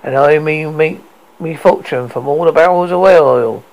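A man voicing a grizzled, vengeful old one-legged sea captain who talks in loud pirate speech. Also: on the high side, normal speed, lightly acted, rough recording. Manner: pirate-style grammar, loud and wild.

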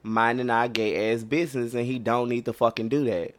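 A man's voice: medium pitch, fairly even intonation, brisk. A young man co-hosting a casual podcast, talking bluntly and passionately with plenty of swearing. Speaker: podcast co-host.

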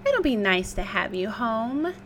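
A woman voicing a gentle, wise mother pig who speaks in a soothing, reassuring way. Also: on the high side, very animated, measured pace, a little hiss or hum. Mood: tender.

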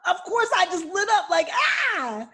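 A woman's voice: very high-pitched, big pitch swings, a little slow, bright, forceful tone. A woman from Pittsburgh, a podcast host chatting casually and telling her stories expressively. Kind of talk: casual interview chat.

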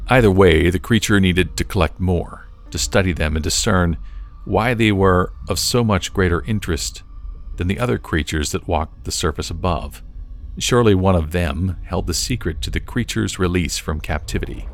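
Deep, gravelly male narrator for a dark young-adult audiobook; measured delivery, soft music behind. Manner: slow, measured storytelling. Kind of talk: scripted narration.

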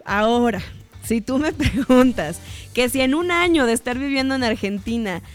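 A woman with a Mexico City accent co-hosting a casual entertainment podcast, chatty, with frequent laughs and quick asides. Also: a little high, lively intonation, soft background music. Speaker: podcast co-host. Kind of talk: casual entertainment-news chat.

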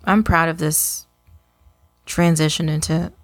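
A woman's voice: low voice, flat delivery, a little slow. A young woman co-hosting a podcast, teasing and sarcastic in casual chat, her voice a little cracked. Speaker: podcast co-host.

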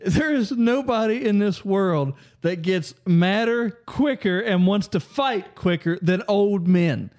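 A man's voice: high voice, animated, slow, few pauses, darkish tone. A man chatting on a casual podcast, laughing and starting sentences hesitantly.

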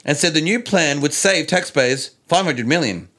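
A brisk old-time newsreel reporter with a high, punchy read, put on by a man. He delivers each line like a headline, in a clipped announcer style. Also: expressive, fairly bright tone. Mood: announcing.

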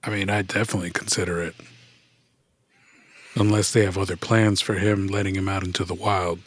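A man's voice: sits low, little pitch movement, a little fast, breathy edge, dry recording. A man playing a tabletop game, thinking aloud casually. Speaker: player.

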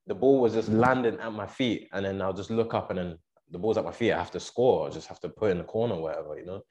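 A man's voice: low voice, fast talker, a little mellow. A man hosting a casual interview chat in a laid-back, slangy way. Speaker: podcast host, former academy footballer.

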